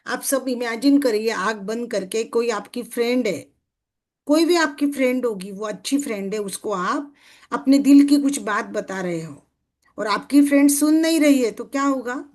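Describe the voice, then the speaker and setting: A woman's voice: fairly high pitch, normal speed, darkish tone. A middle-aged woman, leading a motivational workshop as a success coach. She keeps asking her listeners questions, checks that they agree, and acts out everyday scenes in quoted speech. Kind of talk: motivational group workshop talk.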